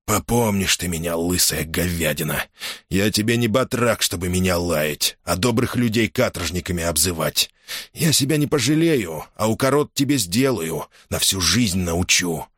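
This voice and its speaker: A man's voice: low-pitched, expressive, normal speed, a bit bright, dry recording, clean studio sound. A man voicing a hot-tempered Cossack soldier back from the war, boastful and threatening. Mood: furious.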